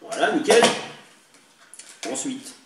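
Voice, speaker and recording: A man's voice: a little high, wildly swooping pitch, slow pace. A man casually showing off toy blasters he bought, chatty and hesitant with many fillers, recorded indoors on a camera mic. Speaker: toy collector vlogger. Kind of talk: casual show-and-tell demo. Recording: echoey room, distant mic, faint hiss.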